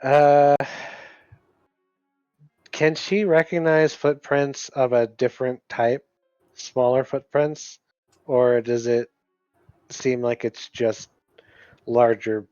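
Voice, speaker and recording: A man playing a tabletop role-playing game, phrasing things haltingly and deliberately, in and out of character. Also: medium pitch, steady tone, a little mellow, smooth, dry recording, dull audio. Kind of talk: casual game play, speaking in and out of character. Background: music.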